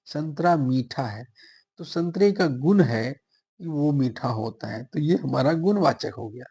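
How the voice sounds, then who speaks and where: A male teacher with a mellow, somewhat husky voice works through quiz questions one by one. He reads each answer option aloud and repeats it before settling on the right one, in a patient, step-by-step classroom manner. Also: a little high, lively intonation, measured pace. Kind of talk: exam-prep grammar lesson.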